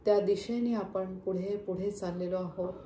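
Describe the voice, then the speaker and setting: A woman leading a guided chakra meditation with slow, soothing instructions. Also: mid-range voice, steady tone, warm tone. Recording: echoey room, faint background hum.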